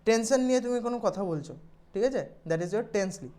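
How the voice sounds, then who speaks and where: A woman's voice: medium pitch, lively intonation, a little fast, dark tone. A woman, explaining English exam questions in a casual lesson and checking in often with her students. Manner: conversational, checks in with "okay?" often.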